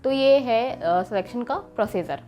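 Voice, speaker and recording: A young woman, a medical student, explaining her daily routine in a steady vlog with frequent pauses to think. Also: on the high side, faint music behind.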